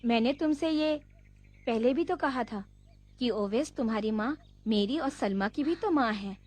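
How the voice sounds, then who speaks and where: An actress dubbing a calm, loyal young man who explains things patiently. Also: fairly high pitch, a little slow, a little hiss or hum. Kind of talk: Urdu film dubbing.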